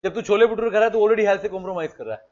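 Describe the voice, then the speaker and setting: A man's voice: high-pitched, very fast, darkish tone, muffled recording. A man teaching a law lecture in a chatty way, switching into English legal terms and telling stories from daily life. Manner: chatty, mixes English legal terms into Hindi, tells anecdotes.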